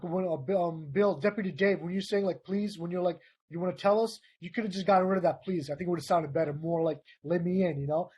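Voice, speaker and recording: A man's voice: high voice, dark tone, husky. A man directing an amateur table read, who reads stage directions and gives rambling, encouraging notes.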